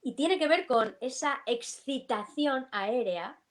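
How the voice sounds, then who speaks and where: A woman vocal coach, explaining breathing and voice in a live video interview, animated and illustrating with sung snippets. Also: sits high, slow pace.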